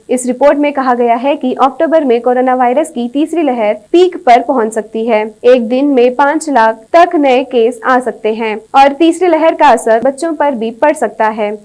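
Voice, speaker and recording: Woman news anchor, high voice, even formal bulletin delivery.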